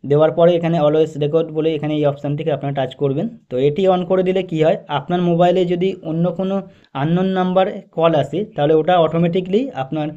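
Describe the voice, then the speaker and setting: On a dull, lo-fi voice-over, a man talks viewers through a phone tutorial step by step, methodically and with repetitive phrasing. His voice sits on the high side, steady and warm, and he moves at a quick pace.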